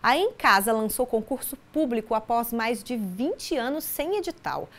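A young woman presenting local news in a studio, reading from a script with a bright, upbeat delivery on a lapel mic. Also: a little high, expressive, normal speed. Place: studio with city backdrop.

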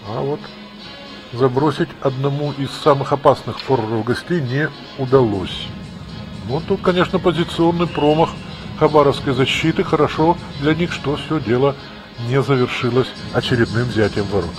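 A male hockey commentator calls the game live at a middle pitch. He moves between exclamations and analytical asides, with music clearly audible behind his voice. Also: normal speed, rough recording. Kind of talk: live play-by-play sports commentary.

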